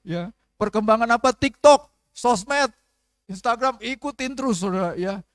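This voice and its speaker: Seorang pendeta pria paruh baya berkhotbah dalam ibadah gereja, sering bertanya kepada jemaat. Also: male voice, extremely high pitch, unhurried, a bit bright, no room sound, studio quality. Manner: preaching with call-and-response questions and acted prayers. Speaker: pastor. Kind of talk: sermon. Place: church service.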